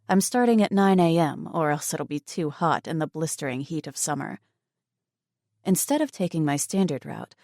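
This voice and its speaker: A woman with a fairly low voice reads a first-person romance audiobook in steady, measured storytelling. She is recorded close on a studio mic in a dry, dead room. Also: dry recording. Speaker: audiobook narrator.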